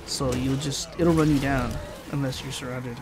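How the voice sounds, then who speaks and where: A young gaming channel host with an allergy-congested, nasal voice rambles through casual gameplay commentary packed with fillers. His pitch is medium with fairly even intonation, the pace moderate, and the home recording is noisy.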